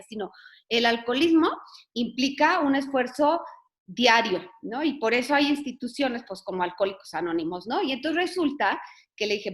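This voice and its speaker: A woman with a Mexican accent talks about raising children in a relaxed, conversational way. Her voice sits a little high. She leans on everyday anecdotes and keeps adding tag questions. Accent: Mexican Spanish. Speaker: family educator. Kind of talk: informal talk on raising children.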